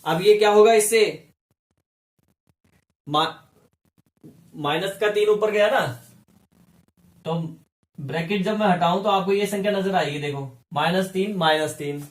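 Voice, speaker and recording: Man, chemistry teacher, high pitch, step-by-step explaining, rhetorical questions, echoey room. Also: measured pace, pauses often. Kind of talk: classroom lesson.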